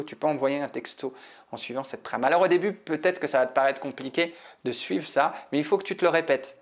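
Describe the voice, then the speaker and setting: A young man teaching in a casual, chatty way, talking straight to the listener with fillers and restarts. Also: on the high side. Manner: chatty, animated, addresses listener directly with many fillers and restarts. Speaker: public speaking coach. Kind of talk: casual teaching monologue to camera.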